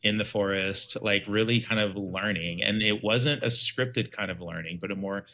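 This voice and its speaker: A man in his forties from Liberia, an educator telling his story in an earnest, reflective way, pausing with frequent ums. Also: fairly low pitch, bright, forceful tone. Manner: thoughtful, many ums, earnest. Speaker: educator and author, podcast guest.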